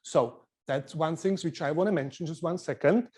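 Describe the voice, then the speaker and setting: Czech-accented chef teaching a webinar. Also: male voice, on the high side, normal speed, darkish tone, husky. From Czech Republic. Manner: earnest, loose non-native phrasing with restarts. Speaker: chef instructor. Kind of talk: live cooking webinar demonstration.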